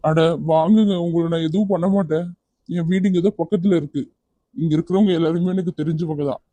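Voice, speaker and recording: A kind young man in a cartoon, voiced by an actor, talking firmly but gently and coaxing without letup. His voice is mellow and middle-pitched, recorded dry and close. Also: steady tone, brisk, no room sound, lightly acted. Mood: gentle coaxing. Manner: firm yet gentle, coaxing. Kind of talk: cartoon voice acting.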